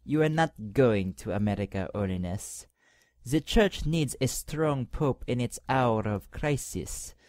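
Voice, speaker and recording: A man's voice: medium pitch, animated, measured pace, darkish tone, no room sound, studio quality, natural voice. A man playing a sneering scheming cardinal. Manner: sneering, condescending, mock-polite. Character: scheming power-hungry male cardinal poisoning the pope. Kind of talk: audio drama acting.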